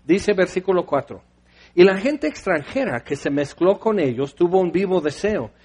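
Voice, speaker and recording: A man preaching a sermon in a conversational way, acting out little scenes in different voices. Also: a little high.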